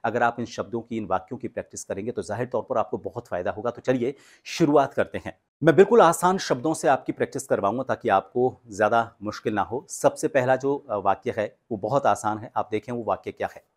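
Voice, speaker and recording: A man with a mid-range voice teaches clear pronunciation in a calm, explanatory way. He slows right down to read the drill sentences with emphasis. He speaks close to the mic. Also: medium pitch. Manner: patient, explanatory. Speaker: speech coach. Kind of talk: pronunciation lesson.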